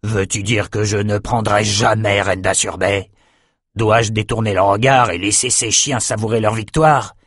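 A man's voice: fairly low pitch, fairly even intonation, normal speed, a bit bright, dry recording, clean studio sound. A man reading an audiobook, voicing a furious raider king who roars threats at his captains. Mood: wrathful. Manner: roaring, menacing. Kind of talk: audiobook character voice.

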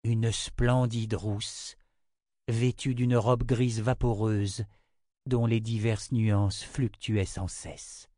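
Measured male fantasy narrator. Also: on the low side, steady tone, mellow, dry recording, clean studio sound. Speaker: audiobook narrator.

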